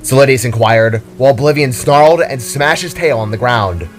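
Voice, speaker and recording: A man narrates dramatic fantasy action from a script in a medium-pitched voice at a moderate pace. Faint music plays behind him.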